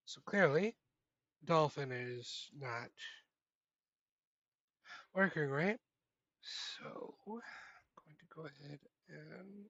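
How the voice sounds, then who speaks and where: A man's voice: on the high side, a bit bright, dry recording, highs cut off. A sick man chatting casually on a live stream, muttering and swearing while he fixes his setup.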